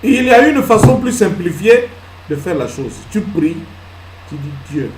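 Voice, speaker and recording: Male pastor, lively fairly high voice, emphatic sermon delivery in a reverberant hall. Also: normal speed, slight background noise. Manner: emphatic preaching that swings between loud peaks and hushed asides; asks the congregation questions and answers them himself. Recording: echoey hall with faint ambience.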